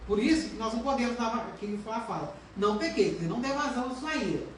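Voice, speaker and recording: A woman's voice: on the high side, lively intonation, racing, very echoey, a little hiss or hum. A woman pastor giving an earnest sermon and asking her congregation questions, recorded from a distance in a church. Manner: earnest preaching with rhetorical questions.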